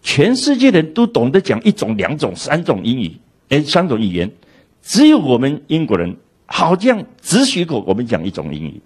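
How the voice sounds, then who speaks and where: A man's voice: medium pitch, huge pitch swings, moderate pace, a little mellow, husky, pitched above the performer's own voice. A man doing a grumbling, self-pitying Englishman. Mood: aggrieved. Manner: exasperated, whining complaint.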